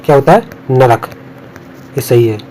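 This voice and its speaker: A man's voice: medium pitch, lively intonation, normal speed, dark tone, a little hiss or hum, poor audio. A man teaching Hindi spelling for exams, repeating each word and warning what will be marked wrong. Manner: repetitive, drills words and warns of exam traps. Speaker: Hindi exam tutor. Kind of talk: spelling lesson over on-screen notes.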